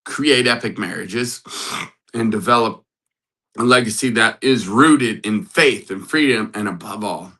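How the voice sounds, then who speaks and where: Bright, upbeat male livestream host. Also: medium pitch, low-quality recording. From United States. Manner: upbeat, greets chat viewers by name, frequent chuckles; repetitive, motivational phrasing. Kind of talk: casual live-stream talk to viewers.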